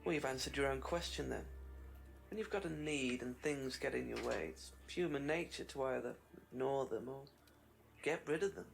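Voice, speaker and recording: A man's voice: medium pitch, normal speed, vocal fry, soft background music, close to an everyday voice. An actor playing a cool, cynical male suspect who needles the detective with dry, philosophical answers, in a live-action video game. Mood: needling.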